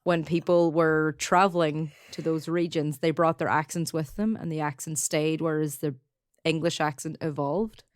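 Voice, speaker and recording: A woman's voice: low-pitched, steady tone, moderate pace, no echo, studio quality. A woman with a Donegal Irish accent co-hosting a podcast, chatting casually, laughing often and leaning on "like" as a filler. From Donegal, Ireland. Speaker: podcast co-host. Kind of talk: casual chat.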